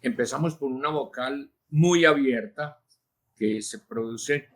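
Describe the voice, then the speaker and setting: A man, a linguist answering interview questions in a measured, teacherly way, with frequent hesitations. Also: medium pitch, a bit bright. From Colombia. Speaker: linguist and journalist, interview guest.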